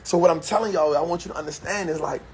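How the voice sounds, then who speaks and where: Middle-aged male vlogger, slightly high pitch, emphatic and repetitive motivational delivery. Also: fast talker, slight background noise. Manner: repetitive, emphatic, preacher-like phrasing. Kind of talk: casual motivational talk to camera.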